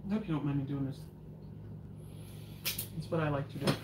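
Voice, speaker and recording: Her voice sits extremely low and moves along fairly quickly. She's an older woman running a live cooking show indoors in her own kitchen, rambling through viewer questions in relaxed chat while she cooks, recorded on a far-off camera facing the counter that leaves the sound echoey and noisy.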